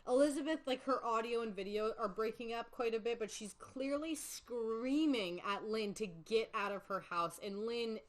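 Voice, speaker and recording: A young woman hosting a podcast, retelling a film in casual, animated chat with lots of fillers. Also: a little high, normal speed, hardly any pauses, poor audio. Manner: chatty, animated storytelling with many fillers. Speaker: podcast host. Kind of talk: casual movie recap chat.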